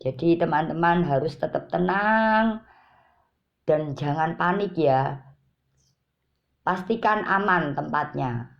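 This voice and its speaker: A woman giving parenting advice in a calm, repetitive way, speaking directly to her viewers. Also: low-pitched, slow, creaky, long pauses. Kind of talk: informal advice talk to parents. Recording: dull lo-fi recording.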